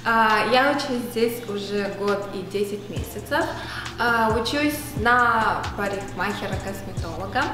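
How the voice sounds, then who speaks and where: A cosmetology student speaking carefully, pausing now and then. Her voice rings in a very echoey room, with music clear behind her. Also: mid-range voice.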